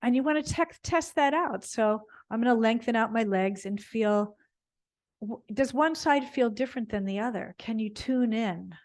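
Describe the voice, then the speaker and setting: A woman with a voice on the high side teaches gentle yoga, guiding an unscripted spiritual body scan. She meanders and halts as she searches for words.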